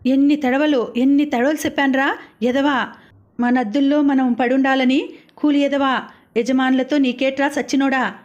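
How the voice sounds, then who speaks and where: A furious laborer father, played by a woman reader, rages at his boy in a raised, high voice. It is storybook acting, rough and heated. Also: fairly even intonation, moderate pace, highs cut off, natural voice. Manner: furious shouting. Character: angry poor laborer father, grown man.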